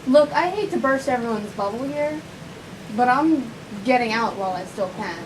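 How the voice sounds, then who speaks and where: A high-voiced, outspoken police officer, as a woman acts her out stands up to her superior in a web drama. She is recorded from a distance, with rain noise behind her. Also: lively intonation, normal speed, lightly acted. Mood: defiant. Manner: pleading, then defiant. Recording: distant mic, noisy with rain.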